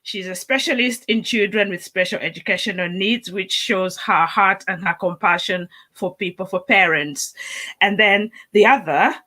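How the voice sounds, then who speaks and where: Bright-voiced woman hosting a chat show. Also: medium pitch, moderate pace. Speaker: show host. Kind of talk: casual chat.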